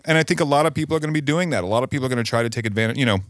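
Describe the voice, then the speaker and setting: A man's voice: medium pitch, rapid-fire, a bit bright, no echo, clean studio sound. Opinionated man on a podcast. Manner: opinionated, rambling with restarts. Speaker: podcast guest. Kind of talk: casual chat.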